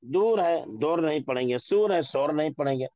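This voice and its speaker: A man teaching an Urdu lesson, slowly repeating example words and phrases so students can drill them, now and then clearing his throat. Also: on the high side, lively intonation, dark tone, dry recording, dull audio. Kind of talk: classroom language lesson.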